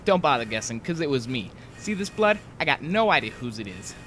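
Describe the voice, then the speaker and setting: A man's voice: mid-range voice, big pitch swings, a little fast, fairly bright tone, slight background noise. A man playing a cocky young scout, a motormouthed show-off with bragging patter.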